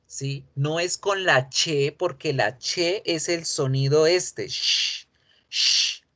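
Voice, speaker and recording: A man's voice: fairly high pitch, slow pace, fairly bright tone. A male teacher giving a pronunciation lesson, patiently repeating each word several times as a drill. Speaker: English teacher.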